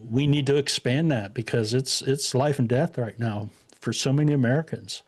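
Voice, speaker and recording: A retired Indiana man in his sixties guests on a podcast, speaking at normal speed in a medium-pitched, slightly mellow voice. It's relaxed interview chat about himself, rambling and full of fillers.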